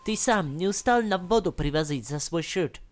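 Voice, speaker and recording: A man's voice: high-pitched, expressive, moderate pace, no room sound. An actor playing a frank, protective footballer addressing his coach in a film. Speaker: football player. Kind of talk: film drama dialogue. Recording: faint crowd and ambient noise.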